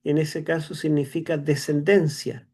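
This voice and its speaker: A Chilean man lectures on scripture to an online class. His voice sits a little high and has a gravelly edge, and he explains slowly, filling pauses with "eh" and checking in with tag questions. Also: level tone, mellow. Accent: Chilean Spanish. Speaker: seminary teacher.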